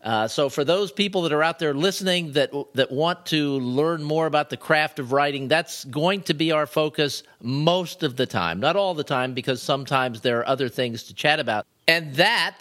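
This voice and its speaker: Casting: upbeat male podcast co-host, a touch higher voice, chatty. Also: normal speed, few pauses, a bit bright. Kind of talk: casual podcast chat.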